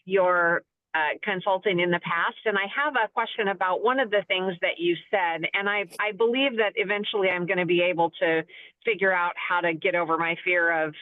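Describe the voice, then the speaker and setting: A woman's voice: lowish voice, moderate pace, no echo. A woman talks on a car speakerphone while driving. The sound is squeezed into a thin, tinny phone band and is very dry. She is polite and appreciative, a bit hesitant, and says um often as she asks a question in a webinar. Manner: polite and appreciative, a little hesitant with frequent ums. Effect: talking from a car over a speakerphone. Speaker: home care agency owner asking a question in a webinar.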